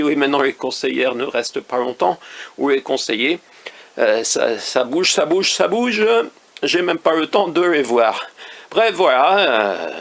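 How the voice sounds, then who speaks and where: A man in his fifties from northern France, talking through a personal grievance in a hesitant, halting way with frequent fillers. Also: fairly high pitch, vocal fry, a bit bright. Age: 50s. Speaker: vlogger. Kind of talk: personal complaint monologue.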